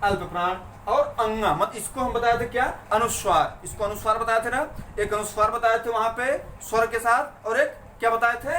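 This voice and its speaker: A man teaching a grammar lesson for an exam, asking questions and answering them himself, and saying consonants slowly one at a time. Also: very high voice, pushed and bright. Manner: asks and answers his own questions. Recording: roomy, mic a bit far off, faint room noise.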